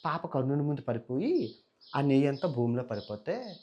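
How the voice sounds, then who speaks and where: A young adult man, a travel vlogger, telling an epic story in an animated, dramatic way. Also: medium pitch, normal speed, dull audio. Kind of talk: storytelling vlog.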